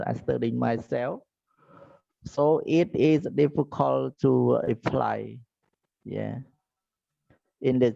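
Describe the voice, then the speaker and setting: A man's voice: medium pitch, creaky, dark tone. A man, an English learner answering hesitantly and apologetically in an online discussion, repeating words. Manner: hesitant, stammering repetitions, apologetic. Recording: slightly dull phone audio.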